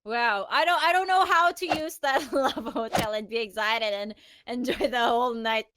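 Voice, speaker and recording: A woman's voice: fairly high pitch, moderate pace, a bit bright, smooth. A woman co-hosting a podcast in casual chat, laughing often as she talks. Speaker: podcast co-host.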